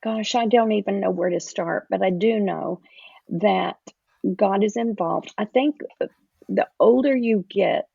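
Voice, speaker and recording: An older woman, the guest and a grandmother, talking in a slow, gentle, reflective way on a podcast. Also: medium pitch, creaky, slightly rough, no room sound, highs cut off. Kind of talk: casual podcast chat.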